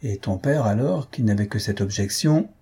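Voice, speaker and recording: A man voicing a practical, coaxing middle-aged mother in an audiobook, with a husky, dark voice. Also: on the low side, moderate pace. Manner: coaxing, matter-of-fact.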